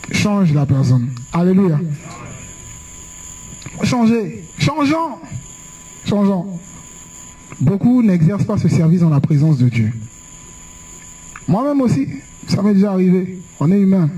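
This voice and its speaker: Young male preacher, chatty anecdotal sermon, mellow and breathy. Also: high voice, animated, normal speed, pauses often, low-quality recording. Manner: conversational, anecdotal preaching with rhetorical questions.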